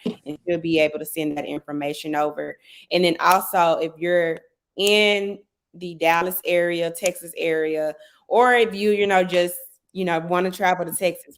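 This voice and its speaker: A woman hosting a casual livestream promotion, chatty and urging listeners on, repeating words for emphasis. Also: sits low. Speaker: livestream host, event organizer. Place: remote live video stream.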